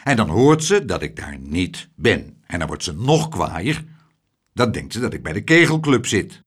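A man's voice: sits low, sing-song, measured pace, husky, heavily acted. A man voicing a timid, fretful middle-aged husband in an audiobook, whining and self-pitying.

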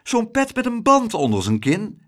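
A man voicing a calm, knowing lady customer with a high, teasing delivery. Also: moderate pace, full character voice.

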